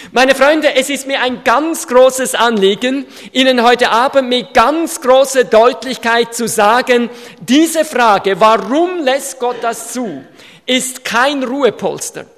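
A man preaching an evangelistic sermon to an audience, speaking with emphasis and building to shouted passages. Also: very high voice. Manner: emphatic, rising to shouts in quoted rants. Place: hall with audience. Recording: reverberant hall.

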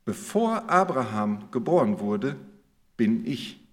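A man reading aloud the words of Jesus as a calm, earnest male teacher, in a measured scripture-reading manner. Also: mid-range voice, long reverb tail, pitched below the performer's own voice.

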